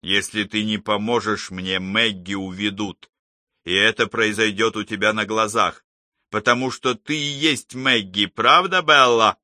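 A man's voice: lowish voice, steady tone, measured pace, pushed and bright, no echo, studio quality. A man voicing a coaxing male psychologist. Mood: pressing. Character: calm, persistent male psychologist probing a patient.

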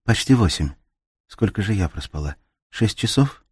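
A man reading the part of a young woman who stays calm and takes charge in danger, in an urgent hushed voice. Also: fairly low pitch, moderate pace, husky, no room sound, clean studio sound, pitched above the performer's own voice. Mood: sleepy surprise. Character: young woman, tense but steady in danger.

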